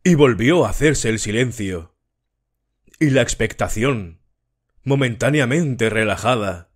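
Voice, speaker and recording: Slow, measured male audiobook narrator. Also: on the low side. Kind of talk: scripted narration.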